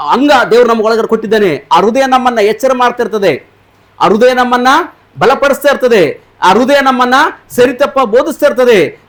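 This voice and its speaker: A pastor preaching in a church, quizzing the congregation and repeating their answers, with frequent hallelujahs. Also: male voice, very high voice, fairly bright tone. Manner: punctuates points with hallelujah. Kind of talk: sermon. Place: church service.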